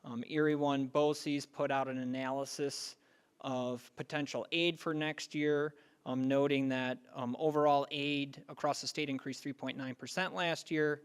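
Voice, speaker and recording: Smooth-voiced man giving committee report. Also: mid-range voice, level tone, measured pace. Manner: hesitant, frequent ums.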